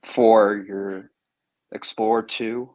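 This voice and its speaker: A man's voice: fairly low pitch, fairly even intonation, drawn-out words, a little mellow. A man chatting casually as a guest on a podcast. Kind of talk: casual chat.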